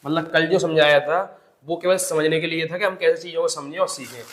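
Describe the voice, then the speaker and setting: A man teaching an exam-prep grammar lesson, explaining step by step and repeating example words slowly. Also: on the high side, a bit bright. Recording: echoey room.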